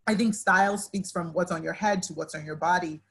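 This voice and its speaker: Her voice is lowish, husky and creaky, and she talks fairly fast. A fashion designer in her thirties who grew up in Nigeria, she's on a laptop-webcam video call from her living room for a casual panel, animated and gesturing, with many "likes" and restarts.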